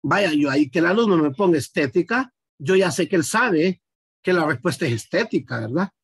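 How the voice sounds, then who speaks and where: High-voiced male teacher walking through a lesson. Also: lively intonation, normal speed, husky, no echo, studio quality. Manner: explains step by step, asks students questions. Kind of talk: online class demonstration.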